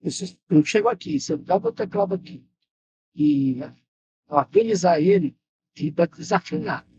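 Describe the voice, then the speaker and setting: A Brazilian man with a Bahian accent, a musician guest in a TV studio, chiming in with lively short remarks. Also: on the high side, normal speed, muffled recording. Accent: Brazilian Portuguese, Bahian. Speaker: musician guest, keyboard player. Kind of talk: casual studio chat.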